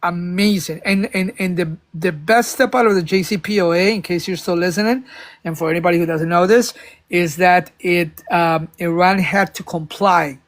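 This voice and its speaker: Here a man on a live panel pushes a political argument at a moderate pace in a high voice. It's casual talk, rambling and full of stumbles and restarts, though at times he gets emphatic.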